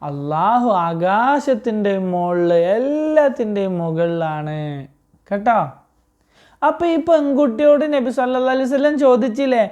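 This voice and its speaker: A woman teaching a religious story to children, patient and slow, asking them questions and repeating the answers. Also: on the high side, lively intonation, darkish tone, muffled recording.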